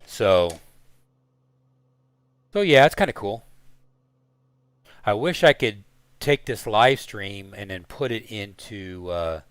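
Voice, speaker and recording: A man hosting a live stream, chatting casually and haltingly while he flies a flight simulator. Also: fairly low pitch, animated, a bit bright, clean tone, no echo. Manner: rambling, halting, lots of fillers. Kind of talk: casual commentary while flying a sim.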